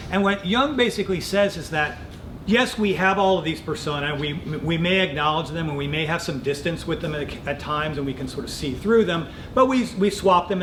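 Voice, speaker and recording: A middle-aged man lecturing as a professor, explaining ideas thoughtfully in informal academic phrasing. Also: fairly bright tone. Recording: echoey room with clear rumbling noise.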